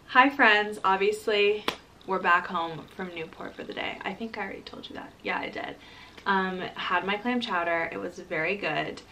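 A woman in her early twenties chatting casually to camera in a bubbly, excitable sorority-girl manner, often dropping in "like" as filler. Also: medium pitch, normal speed, a little hiss or hum, low-quality recording. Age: early 20s. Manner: frequent filler "like". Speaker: college vlogger. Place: parked car and small bedroom. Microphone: camera at about arm's length.

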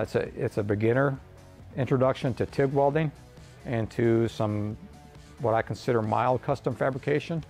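Plain-spoken gravelly shop owner in his fifties, rambling tradesman talk, faint music bed. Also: mid-range voice, a little mellow. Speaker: hot rod shop owner and welding instructor. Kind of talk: casual shop explanation. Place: large metal fabrication shop, indoors.

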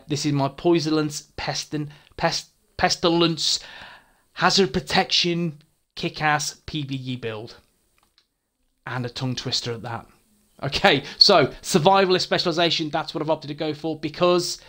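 A young gaming YouTuber walks through a game build, going over gear stats with eager, chatty energy. He swears casually and stumbles over his words because he's so excited, and his voice is a bit higher than most men's.

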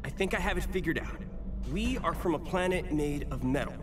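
Give me a man playing an eager, naive young robot scout from a cartoon, expressive, with music behind. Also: on the high side, brisk, natural voice. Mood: puzzled, summarizing. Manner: hesitant, wondering, plain-spoken. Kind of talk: animated cartoon acting.

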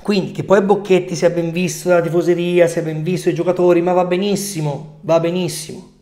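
A man in his forties with a coughy, subdued voice, often clearing his throat, giving casual explanatory commentary straight to his viewers. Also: high voice, flat delivery, a little fast, dark tone. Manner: conversational, addressing viewers directly. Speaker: football video host. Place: small home room, indoors. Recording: echoey room.

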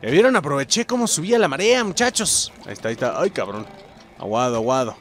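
A man with a Mexican accent doing excitable let's-play commentary, swearing and exclaiming at the game while talking to viewers. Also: medium pitch, fast talker, faint music behind. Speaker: gameplay commentator.

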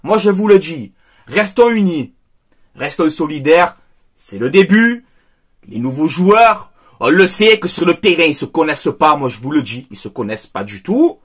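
A man's voice: on the high side, expressive, normal speed, breathy edge. An angry man, giving a heated football debrief as a fan commentator, emphatic and repeating himself. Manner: heated, emphatic, repeats phrases, addresses viewers as "les gars". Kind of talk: angry post-match debrief monologue.

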